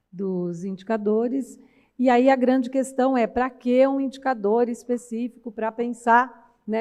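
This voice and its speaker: A woman with a caipira accent addresses a conference panel, her slightly high, mellow voice carrying through a large auditorium. She speaks in reflective, winding sentences and keeps checking in with the audience through tag questions. A long reverb trails behind every phrase. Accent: caipira, interior São Paulo. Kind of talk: academic conference talk.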